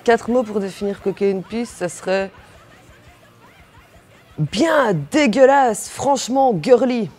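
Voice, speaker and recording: A woman's voice: a little high, slow pace, pauses often, a little mellow, soft background music, a faint crowd. A woman, a punk singer answering interview questions bluntly and crudely, with jokes and fillers. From Belgium. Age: 30s.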